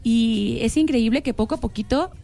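A young woman with a Mexican accent co-hosts a casual podcast panel chat in an earnest tone, repeating words as she thinks. Her voice sits on the high side and sounds creaky and warm, at a normal speed.

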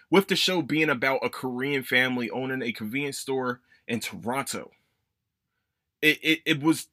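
A young adult man hosts a casual solo podcast in a high-leaning, pushed, bright voice, rambling, swearing and correcting himself as he goes. The audio is clean studio sound with no room echo.

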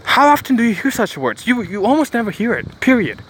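A man's voice: extremely high pitch, big pitch swings, brisk, a bit bright, slight background noise. A man giving a preachy motivational monologue, stressing points by repeating phrases and often restarting his sentences. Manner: rambling with frequent restarts.

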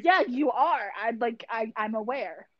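A woman's voice: fairly high pitch, animated, unhurried, dry recording, highs cut off. A woman co-hosting a podcast in casual chat, teasing and sweary, laughing often. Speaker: podcast co-host.

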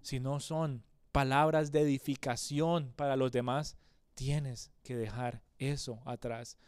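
A male pastor preaching an impassioned sermon in a church, asking rhetorical questions and moving from soft to loud. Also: medium pitch, fairly even intonation, slow, smooth, no echo.

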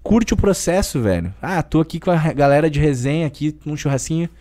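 Man, Gaúcho accent, thirties, emphatic casual podcast talk, a bit high-pitched. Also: fairly quick. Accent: southern Brazilian (Gaúcho). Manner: emphatic, animated, colloquial, keeps saying "velho". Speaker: personal trainer guest.

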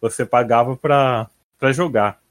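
A man's voice: mid-range voice, steady tone, unhurried, dry recording. Laid-back Brazilian man, very dry sound. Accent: Brazilian Portuguese. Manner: laid-back storyteller, laughs often. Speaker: podcast co-host. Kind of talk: casual gaming podcast chat.

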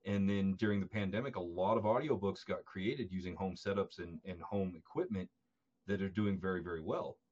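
A man's voice: low-pitched, brisk, a little mellow. A man co-hosting a casual podcast as an author, speaking thoughtfully and hesitantly, often repeating words, on a dull lo-fi recording. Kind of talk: casual chat. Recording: dull lo-fi sound.

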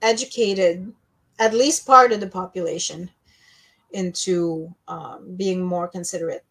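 A woman's voice: on the low side, steady tone, unhurried, a bit bright. A tired middle-aged woman, chatting casually as a co-host and rambling with many restarts and fillers. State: tired and yawning. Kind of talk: casual chat.

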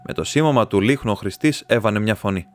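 A man reading a classic short story aloud in a calm storytelling voice. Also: fairly low pitch, soft background music. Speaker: audiobook reader.

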